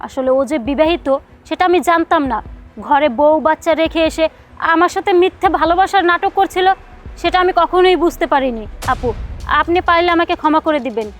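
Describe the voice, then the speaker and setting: Brief: very high woman's voice, confrontational girlfriend role, soft music bed. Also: a little fast. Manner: indignant, confrontational. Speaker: actor playing a deceived girlfriend. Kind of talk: short film drama acting.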